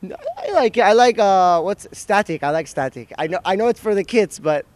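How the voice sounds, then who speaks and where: Playful Argentine-born man, slightly high. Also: lively intonation, brisk, darkish tone. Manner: playful, teasing, laughs a lot. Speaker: soccer player. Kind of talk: casual interview chat. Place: outdoors by a river.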